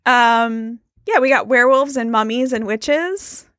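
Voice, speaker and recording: A woman co-hosting a casual movie chat, animated and rambling, laughing often. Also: fairly high pitch, unhurried, no echo, clean studio sound. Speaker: podcast co-host.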